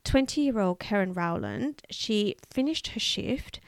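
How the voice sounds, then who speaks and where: An Australian woman co-hosting a podcast, telling a true-crime case in casual, chatty talk with quick asides. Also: mid-range voice, lively intonation, dry recording. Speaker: podcast co-host.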